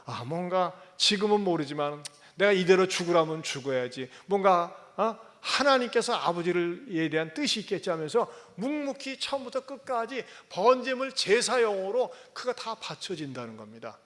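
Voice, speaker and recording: A male pastor preaching a sermon with dramatic storytelling, swinging between hushed and loud. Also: high-pitched, very animated, normal speed, hardly any pauses. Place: church sanctuary. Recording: echoey church hall.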